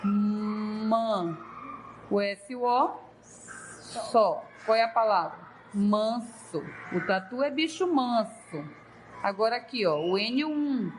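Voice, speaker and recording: A woman's voice: medium pitch, lively intonation, slow pace, echoey room, faint music behind, low-quality recording. A woman teacher tutoring a child in reading, patiently coaxing and sounding out syllables one by one. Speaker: literacy teacher.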